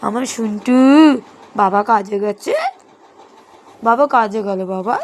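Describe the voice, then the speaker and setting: A woman's voice: medium pitch, fairly even intonation, unhurried, a little hiss or hum. A young Bengali mother talking to her baby at home at night, firm scolding that turns into sing-song baby talk. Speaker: mother vlogger.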